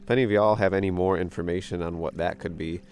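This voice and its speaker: An American man in his thirties giving casual, excitable and playful commentary to a handheld camera as he hunts for treasure outdoors. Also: low voice, fast, a little hiss or hum. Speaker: treasure-hunting vlogger. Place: outdoors along a wooded creek. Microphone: camera held at arm's length.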